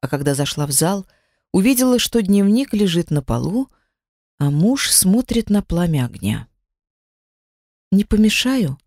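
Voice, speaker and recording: Brief: expressive audiobook reader, lively pitch, dry close sound. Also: moderate pace, no echo. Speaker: audiobook narrator. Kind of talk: scripted narration.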